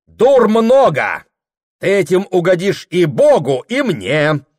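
A man voicing a domineering, grandiose husband who shouts and hammers every phrase in an audiobook. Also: high-pitched, very animated, slow, dry recording, studio quality, pitched above the performer's own voice, heavily acted. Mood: furious commanding. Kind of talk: audiobook character voice.

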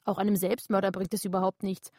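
A woman's voice: medium pitch, level tone, fast, warm tone, no room sound, clean studio sound, natural voice. An actress playing a blunt, provoking young woman in a radio drama. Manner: blunt and mocking.

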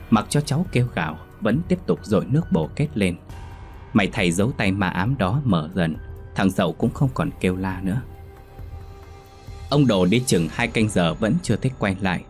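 A man narrating a scripted ghost story in a steady, suspenseful reading voice. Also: lowish voice, normal speed, faint music behind.

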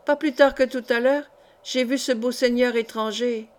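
A woman's voice: on the high side, steady tone, normal speed, close to an everyday voice. A woman reading as a gossipy stout chambermaid.

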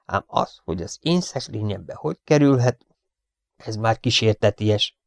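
A man voicing an angry, scheming gentleman villain in an audiobook, snapping with contempt at his servant. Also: lowish voice, animated, gravelly, no echo, studio quality. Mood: irritated.

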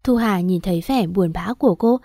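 A woman reading a dramatic family story aloud in a steady, measured narration. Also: mid-range voice, no room sound, clean studio sound.

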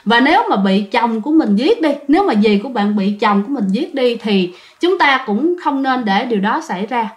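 A woman's voice: a little high, expressive, moderate pace, hardly any pauses. A woman, telling ghost stories in a chatty way and talking straight to her listeners. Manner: chatty, addresses listeners directly. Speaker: storyteller. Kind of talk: casual ghost-story narration.

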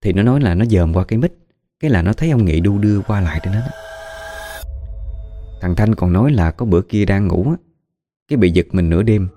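A man's voice: fairly low pitch, lively intonation, fairly quick, pauses often, mellow. A man with a Southern Vietnamese accent telling a ghost story in a chatty, gossipy way.

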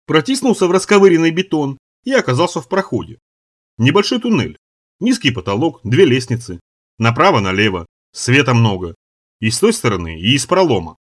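A man reading a dark adventure audiobook in the first person, telling it dramatically. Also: mid-range voice, sing-song, brisk. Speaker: narrator. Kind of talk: audiobook narration.

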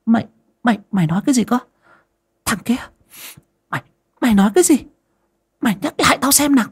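A man doing a shrill, cruel village woman. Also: expressive, fast, breathy edge, full character voice. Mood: shocked. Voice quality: loud, shrill, nagging.

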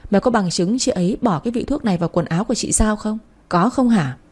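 Brief: a woman playing a sharp-tongued young lady, scolding, mellow tone. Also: mid-range voice, fast, slightly rough, close to an everyday voice. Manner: scolding, demanding.

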